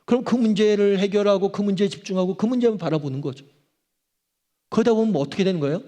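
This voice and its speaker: A man's voice: sits high, quick pace, dark tone. A man, a pastor, preaching a sermon and asking the congregation questions as he drives his point home. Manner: emphatic preaching, asks the congregation questions and acts out cries to God. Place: church auditorium. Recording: long hall reverb.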